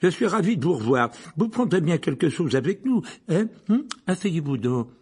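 A man's voice: on the high side, very animated, moderate pace, husky, voice pushed up, full character voice. A man voicing a pompous middle-aged official who blusters and stammers. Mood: blustering. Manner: hesitant stammer, blustering, hushed at times.

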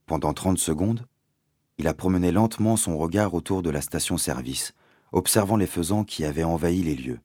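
A man narrating a children's story aloud in an expressive, storytelling manner. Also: low voice, normal speed, no room sound, studio quality. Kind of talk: audiobook narration.

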